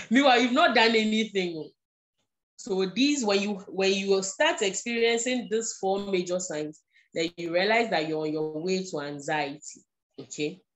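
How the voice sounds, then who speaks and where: A woman with a Ghanaian accent, speaking English as a non-native language, gives a patient live-streamed talk as a guest speaker on mental health. Her medium-pitched voice keeps a measured pace, and she repeats key points and checks in with "okay."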